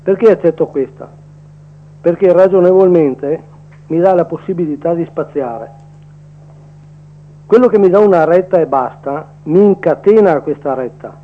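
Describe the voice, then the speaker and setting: High-voiced male caller over the phone. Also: normal speed, long pauses. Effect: heard over the phone line. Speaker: radio call-in caller. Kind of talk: casual opinion on air. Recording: muffled phone-line audio.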